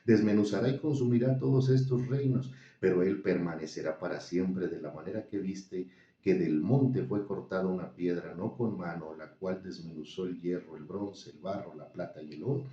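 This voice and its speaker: Deep, mellow male reader for steady Bible reading; mic set back in a roomy, dull-sounding space. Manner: measured, solemn reading. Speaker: scripture reader. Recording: dull, roomy, distant recording.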